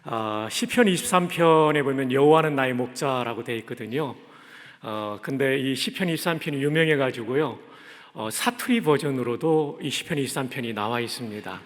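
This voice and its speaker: A male guest pastor from Daejeon preaching in a warm, conversational way. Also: medium pitch, expressive, moderate pace. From Daejeon, South Korea. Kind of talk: sermon. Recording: echoey church sanctuary.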